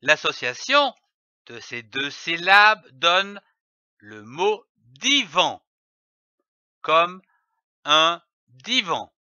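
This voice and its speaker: Male phonics teacher, slow and careful, bright lively voice, dry lo-fi voice-over. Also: on the high side, no room sound. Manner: spells out letters and syllables carefully. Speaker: reading teacher. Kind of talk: slow, deliberate phonics lesson.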